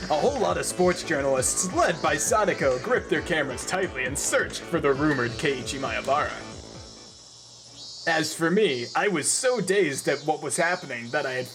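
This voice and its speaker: A woman's voice: low-pitched, animated, moderate pace, music in the background. A woman chatting casually through a group game playthrough and reading narration aloud, with playful, sweary banter.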